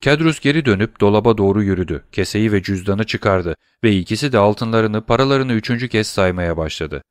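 A man reading a novel aloud in scripted audiobook narration, measured and suspenseful. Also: lowish voice, no echo, clean studio sound.

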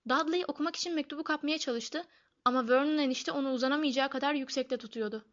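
A woman giving expressive scripted audiobook narration. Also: sits high, fast talker, lo-fi sound.

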